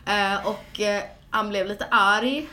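A woman's voice: mid-range voice, slight background noise. A young woman, co-hosting a podcast and telling a story in casual chat, acting out the quotes as she goes. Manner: animated storytelling with acted-out quotes. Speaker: podcast co-host.

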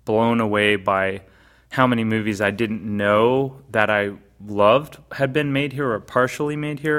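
A man's voice: fairly low pitch, fairly bright tone, smooth. A man co-hosting a casual podcast, telling stories in a chatty way, swearing and acting out his reactions. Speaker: podcast co-host.

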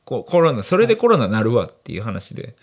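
A man with a Kansai accent telling a story in casual chat, acting out the people in a loud quarrel. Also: medium pitch, fast. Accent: Kansai Japanese. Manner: animated, acts out loud quarrels. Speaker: regular guest.

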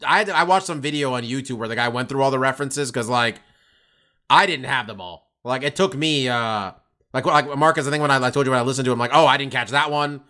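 Bright-voiced man rambling casually. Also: mid-range voice, fast talker. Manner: rambling, lots of "like", swears freely. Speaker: podcast co-host. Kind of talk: casual chat.

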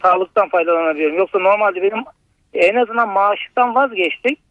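A man's voice: high-pitched, brisk, no echo, narrow, tinny audio. A man calling into a radio show over a landline phone, speaking hesitantly with many filler sounds. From Turkey. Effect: heard over a landline phone. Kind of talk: casual phone-in complaint.

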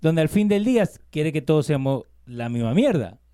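An Argentine man in casual political chat, blunt and swearing, often backing the other speaker with quick agreement. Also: on the high side, very animated, warm tone, clean tone.

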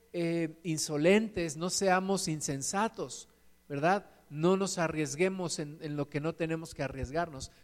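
A man preaching a sermon, reading scripture and retelling it earnestly with many repeated words. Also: fairly high pitch. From Mexico. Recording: long hall reverb.

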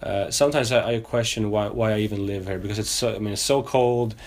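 A man's voice: fairly low pitch, fast talker. A man with a Swedish accent hosting a casual podcast interview, hesitating often with fillers and restarts. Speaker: podcast host.

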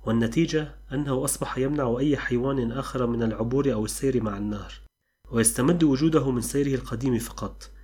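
A man voicing an old male gorilla who calmly explains the forest's ways in a storybook. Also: medium pitch, slightly rough, natural voice. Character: old male gorilla, calm and worldly guide.

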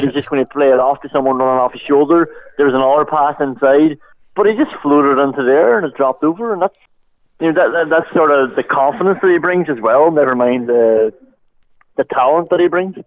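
A man's voice: a little high, a little fast, no room sound. Through a narrow phone-like band with a dry sound, an Irish man talks sport as a pundit. His analysis is loose and chatty, full of conversational asides. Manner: conversational, peppered with "like" and "you know".

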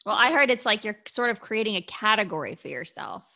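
A woman hosting a relaxed conversation in a bright, sharp voice. She is engaged throughout, affirming often and pressing with follow-up questions. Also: medium pitch, fairly quick, dry recording. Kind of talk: casual conversation.

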